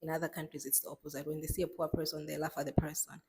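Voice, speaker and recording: A woman's voice: sits low, little pitch movement, very fast, dark tone, in a large hall, a little hiss or hum. A young woman from Malawi talking casually to camera, chatty and emphatic, often laughing and repeating words for emphasis. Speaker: vlogger. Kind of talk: casual vlog monologue.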